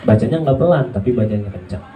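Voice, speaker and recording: A man's voice: on the low side, expressive, quick pace, mellow, soft background music. A man giving an informal sermon as a religious teacher, asking questions and answering them himself. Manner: conversational, asks and answers his own questions. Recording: echoey room from far off, noisy.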